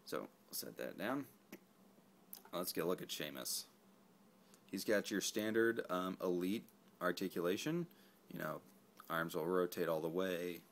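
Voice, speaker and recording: Laid-back male toy reviewer, very low voice, rambling and self-correcting. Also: slight background noise. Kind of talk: casual action figure review.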